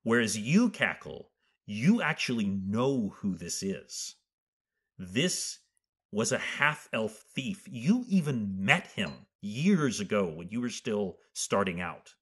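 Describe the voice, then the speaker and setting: A male game master improvises tabletop narration. His voice sits a bit low, and he takes his time, with halting, deliberate phrasing. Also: big pitch swings, a bit bright, husky.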